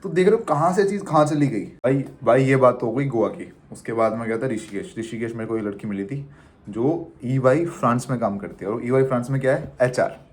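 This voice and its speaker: A man's voice: medium pitch, brisk. Chatty young man vlogging to camera. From India. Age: 20s. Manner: animated, chatty, teasing the viewer as "bhai". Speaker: travel vlogger. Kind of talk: casual chat to camera.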